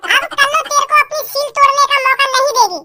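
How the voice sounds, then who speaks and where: Kallu, a squeaky pushy cartoon girl. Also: fast talker, pushed and bright, a little hiss or hum, full character voice. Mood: furious. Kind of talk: Hindi cartoon comedy voice acting.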